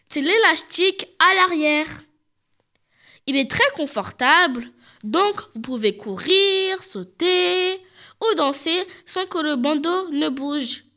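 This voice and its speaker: A woman's voice: sits high, animated, takes it slowly, bright, forceful tone. A woman hosting a show, presenting products and talking straight to the viewers. She has a cold and describes each item in detail. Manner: addresses viewers directly, describes items in detail. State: stuffy with a cold, coughing.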